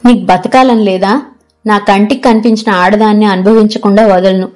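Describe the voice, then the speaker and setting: A crude, threatening fake holy man, as a woman reads him in a storybook narration. He speaks in a level, menacing tone, with nothing unusual in his pitch. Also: fairly even intonation, normal speed, a little mellow, close to an everyday voice. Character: lustful fake godman, older man, menacing.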